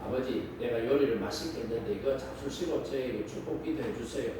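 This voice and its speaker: A man's voice: mid-range voice, a little fast, noisy background, voice pushed down, natural voice. A man voicing a timid young son in a retold Bible story, whiny and pleading. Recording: echoey church hall, distant mic.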